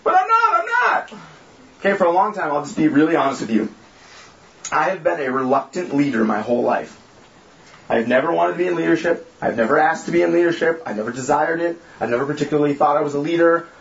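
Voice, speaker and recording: A man's voice: on the high side, quick pace, gravelly. A young man leading a church group, giving a candid, self-mocking informal sermon and acting out the voices he quotes. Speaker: small-group church leader. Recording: echoey room, dull lo-fi sound.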